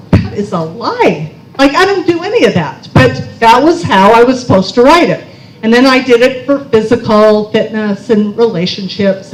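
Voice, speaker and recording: A woman's voice: a little high, a little mellow, slight background noise. A middle-aged woman giving a personal storytelling talk at a conference, chatty and self-mocking, often checking in with "okay?". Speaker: conference speaker. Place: large conference hall. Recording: roomy hall echo.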